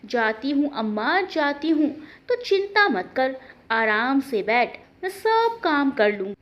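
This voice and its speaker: A woman's voice: high voice, very animated, slow, muffled recording, exaggerated voice. A woman voicing a young village girl who is playful and childlike, hiding her grief. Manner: childlike, pouting.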